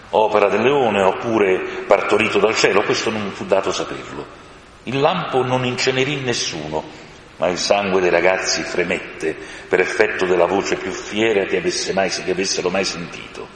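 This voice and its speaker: A male storyteller with a deep voice who reads expressively, his pitch rising and falling a great deal. The sound carries a long reverberation and a faint hiss. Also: fairly bright tone. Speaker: narrator. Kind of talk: scripted storybook narration.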